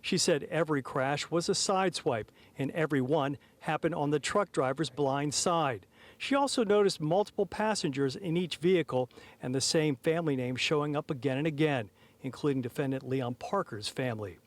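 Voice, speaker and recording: A man giving a live courtroom news report as a TV reporter, with a measured, formal broadcast delivery. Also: on the high side. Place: outdoors outside a city courthouse. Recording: live outdoors on an urban street.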